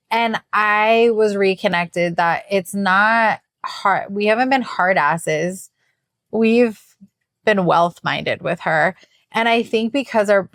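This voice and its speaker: A woman's voice: medium pitch, vocal fry, a bit bright, no room sound, clean studio sound. A middle-aged woman co-hosting a podcast in casual, rambling chat, tired and yawning, laughing often. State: sleepy. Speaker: podcast co-host.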